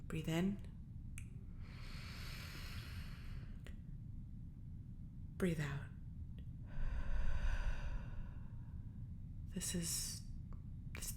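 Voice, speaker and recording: An actress voices a panicked woman prisoner in space who stammers, talks to herself and tries to soothe herself, agitated and defiant, in an audio drama monologue. Her voice is on the low side, with slight background noise.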